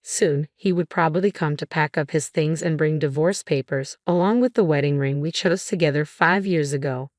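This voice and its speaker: A woman narrating a first-person revenge story in a measured, scripted way. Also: low-pitched, a little mellow, no echo, studio quality.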